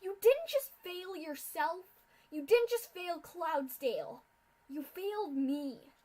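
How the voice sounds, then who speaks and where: A woman reading a dark story voices a bitter adult pegasus mare lashing out in seething fury. In a high, exaggerated voice taken slowly, she screams in rage and climbs into shouted hate, then turns cold, flat and unforgiving.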